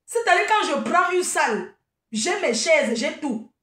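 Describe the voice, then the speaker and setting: Speaking off-mic in an echoey room, a woman who works as an event planner and vendor goes live without a script. She scolds critics and then turns chatty and laughing, calling her listeners "maman," in a very high-pitched, very animated, slightly bright voice that never rushes.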